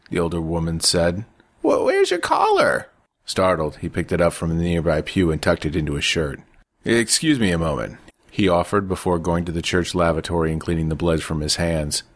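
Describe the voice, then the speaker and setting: Low-voiced man narrating a story, dry close sound. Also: flat delivery, brisk, hardly any pauses, no echo.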